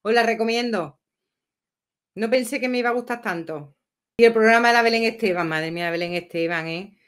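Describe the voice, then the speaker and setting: A woman's voice: on the high side, fairly quick, fairly bright tone, clean tone. A woman, chatting casually and rambling through a livestream as host. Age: 50s.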